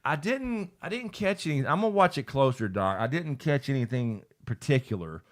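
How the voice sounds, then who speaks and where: A man with a medium-pitched, animated voice hosts a casual livestream after-show, reading out viewer comments at a moderate pace while rambling, swearing and laughing.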